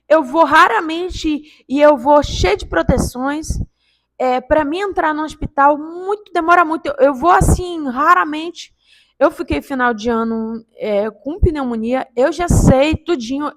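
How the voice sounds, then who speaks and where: A woman in her fifties telling a personal story to camera in a casual, animated way, with sudden interjections. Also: high-pitched. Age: 50s. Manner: animated and excitable, with sound-effect interjections. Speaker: vlogger telling a paranormal story.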